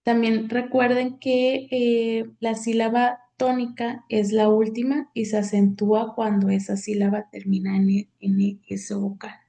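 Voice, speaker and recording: A woman teaching a lecture from slides, pausing often and filling gaps as she reads. Her voice sits a little high but has a dark, gravelly edge, and she talks slowly. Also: little pitch movement. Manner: halting, many fillers, reads from slides. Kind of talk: slide lecture on accent rules.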